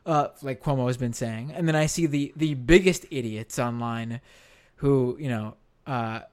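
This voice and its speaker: An American live stream host speaks in a mid-range, slightly mellow voice that sounds hoarse and worn out. His casual, halting talk leans on repeated phrases for emphasis.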